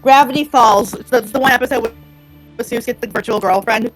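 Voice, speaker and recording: A woman's voice: on the high side, fairly quick, soft background music, low-quality recording. A woman chatting casually on a live stream, playful and giggly. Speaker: stream co-host. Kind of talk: casual chat.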